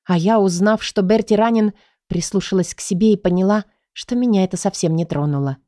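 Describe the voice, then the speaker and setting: A woman narrating a first-person audiobook in an even, measured storytelling manner. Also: medium pitch, dry recording, clean studio sound.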